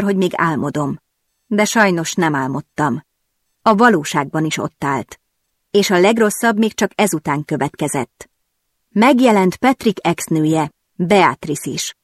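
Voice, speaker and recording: A woman narrating a romance audiobook in the first person, in an expressive, even storytelling manner. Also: lowish voice, no room sound, studio quality.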